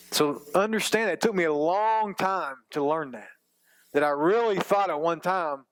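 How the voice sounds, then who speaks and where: Conversational pastor in his forties, slightly high. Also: fairly bright tone, rough recording. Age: 40s. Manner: conversational, self-deprecating, rambling asides. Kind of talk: sermon.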